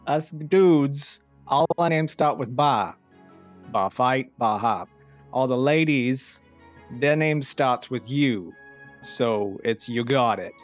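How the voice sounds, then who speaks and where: A man's voice: medium pitch, animated, takes it slowly, faint music behind. A man narrating and explaining rules as game master of a tabletop role-playing game. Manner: explains rules plainly, with fillers.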